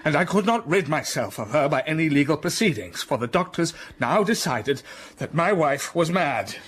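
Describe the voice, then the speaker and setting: An actor playing Mr Rochester, a brooding gentleman telling his troubled past in a radio drama with slow, heavy storytelling that flares up with passion. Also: on the high side, sing-song, slight background noise.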